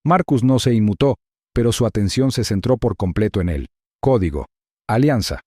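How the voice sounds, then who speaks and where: Mellow male suspense narrator. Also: lowish voice, brisk, dry recording, clean studio sound. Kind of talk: scripted narration.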